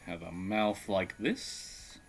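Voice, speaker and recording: Deep-voiced man chatting while drawing. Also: slow, faint music behind. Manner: self-deprecating, chatty, thinking aloud. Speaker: streamer. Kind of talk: casual live-stream commentary while drawing.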